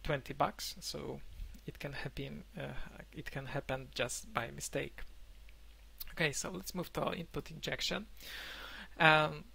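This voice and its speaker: A young man whose first language is Polish gives an online conference talk from a room at home, pausing often with fillers and restarts over a webcam microphone. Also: fairly high pitch, steady tone, creaky, sharp tone, slightly rough. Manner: halting, many fillers and restarts. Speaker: conference speaker. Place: indoor room, remote talk.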